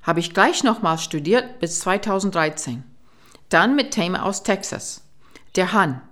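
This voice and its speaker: A woman's voice: mid-range voice, close to an everyday voice. A woman playing a muddled graduate from Texas. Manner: broken German with English bits, earnest listing. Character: naive female graduate from Texas, proud, muddled. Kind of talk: radio play acting.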